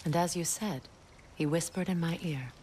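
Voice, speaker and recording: Game role: a woman doing a regal, sharp-tongued goddess, low and measured. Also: a little hiss or hum, natural voice, low-quality recording. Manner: measured, storytelling, dry sarcasm. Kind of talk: video game dialogue.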